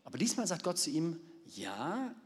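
A man preaching a sermon, retelling a story in a lively, animated way. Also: medium pitch, moderate pace. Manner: animated, acts out the characters. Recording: long reverb of a large hall.

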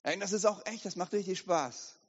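A man voicing a sly, whispering devil figure that tempts and then scolds, in a low, hushed voice, recorded in an echoey hall with dull sound. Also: normal speed. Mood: coaxing.

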